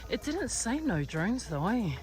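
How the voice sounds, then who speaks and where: Over music, a young woman with a fairly high voice and big pitch swings narrates a casual hiking vlog, unhurried. She films on her phone while walking, chatting between breathless sighs as she climbs, her voice chesty with a cold.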